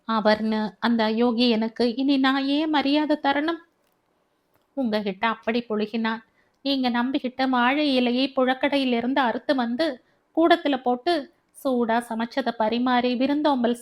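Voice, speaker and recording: A scornful young working woman, as a woman narrator puts her on, firing sharp, pointed questions from a storybook. Her tone cuts with indignation. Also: on the high side, fairly even intonation, moderate pace, dull audio, natural voice.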